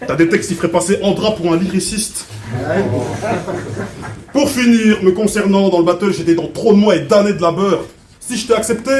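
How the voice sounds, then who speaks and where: A man's voice: high-pitched, darkish tone. A man delivering taunting, conversational a cappella battle rap. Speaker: battle rapper. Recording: echoey room, faint noise.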